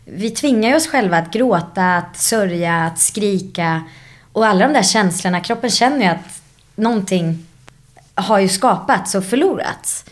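A woman's voice: mid-range voice, expressive. Reflective actress telling her story. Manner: drops English phrases into her speech. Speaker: actress guest. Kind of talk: casual interview chat.

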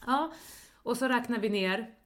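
A pregnant woman in her thirties co-hosts a casual podcast. She tells her story in an animated way and slips into quoting the people in it. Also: a little high. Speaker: podcast co-host.

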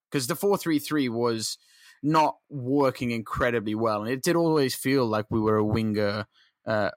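Earnest football fan, dry mic. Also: male voice, medium pitch, fairly bright tone, dry recording. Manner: earnest, rambling with restarts. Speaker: podcast co-host. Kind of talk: casual football chat.

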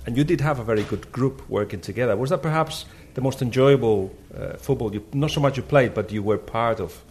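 A man's voice: medium pitch, fairly quick, darkish tone, slight background noise. A man interviewing in a conversational style, putting questions to his guest. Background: faint music.

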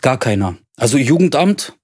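A man's voice: medium pitch, big pitch swings, moderate pace, a little mellow, husky, no room sound, clean studio sound. A man, telling his story casually in colloquial street slang. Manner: colloquial street slang, addresses listeners as brother. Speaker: podcast co-host. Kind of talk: casual chat, personal storytelling.

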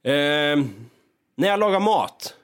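Animated, cursing Swedish-speaking man. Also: fairly high pitch, clear, resonant tone. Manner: animated, swears freely, acts out his own inner talk. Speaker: podcast co-host. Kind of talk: casual chat.

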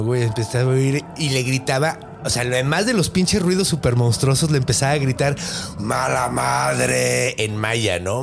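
A man with a Mexican accent telling a horror legend in casual chat, full of crude slang and with quick shifts into voices for the people he quotes. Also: mid-range voice. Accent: Mexican Spanish. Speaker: podcast host, storyteller.

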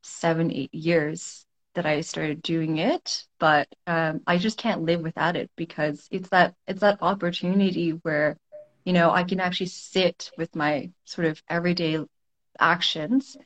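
A woman's voice: lowish voice, steady tone, a little slow. A woman guest in a casual conversation, thinking aloud in a reflective way, with frequent fillers and restarts. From Toronto, Canada.

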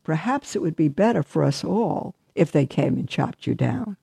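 Storybook figure: woman doing a vain, sneering fir tree, high and smug, gravelly edge. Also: sing-song, moderate pace, mellow, no echo, exaggerated voice. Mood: smug mocking. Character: haughty smug fir tree, female-sounding, sharp-tongued.

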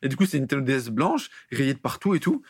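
A man's voice: mid-range voice, very animated, fast, slightly rough, dry recording, studio quality. A young man co-hosting a podcast, telling stories casually with lots of fillers. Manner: rambling with many fillers. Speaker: podcast co-host. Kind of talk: casual chat, storytelling.

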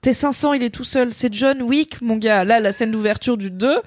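A woman's voice: on the high side, moderate pace, dry recording, clean studio sound. A woman chatting casually about films, telling it emphatically and animatedly in street slang.

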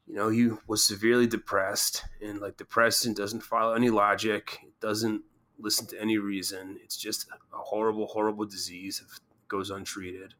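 A man's voice: fairly low pitch, pushed and bright. A man co-hosting a podcast, speaking in an earnest, heartfelt way. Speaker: podcast co-host. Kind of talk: casual podcast chat.

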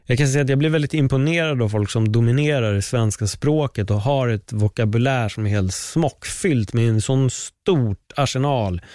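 A man hosting a solo podcast, talking in an opinionated, animated way with exclamations and laughs. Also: mid-range voice, no echo, clean studio sound. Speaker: podcast host.

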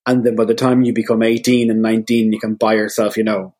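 A man's voice: fairly low pitch, little pitch movement, fast talker, darkish tone. A man in his thirties with an Irish accent, a radio presenter chatting casually as an interview guest, rambling and self-deprecating. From Ireland.

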